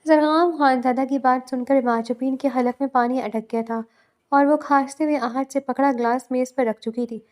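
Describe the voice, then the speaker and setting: High-voiced woman reading a novel. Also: fairly even intonation, darkish tone. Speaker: novel narrator. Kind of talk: reading a romance novel aloud.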